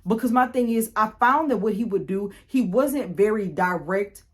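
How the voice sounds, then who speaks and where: A woman's voice: medium pitch, normal speed. Chatty young woman telling a story. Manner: animated, chatty, repeats and restarts. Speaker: YouTuber. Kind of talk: storytime vlog.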